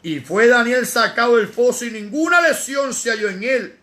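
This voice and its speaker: A man teaching a lively Bible study as an evangelist, mixing slangy asides into dramatic scripture reading. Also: very high voice, moderate pace.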